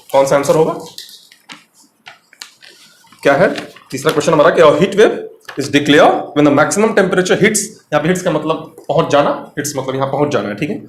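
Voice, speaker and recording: A man's voice: a little high, a little hiss or hum. A man giving an exam-prep grammar lecture, explaining step by step and quizzing the viewer. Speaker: English teacher. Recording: echoey room.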